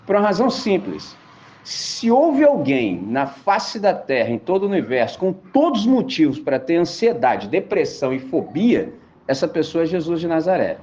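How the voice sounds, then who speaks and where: Brazilian male preacher, casual slang, rhetorical questions, very lively delivery, muffled lo-fi recording. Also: on the high side, normal speed. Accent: Brazilian Portuguese. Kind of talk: lively evangelical sermon. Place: auditorium stage. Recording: dull lo-fi sound.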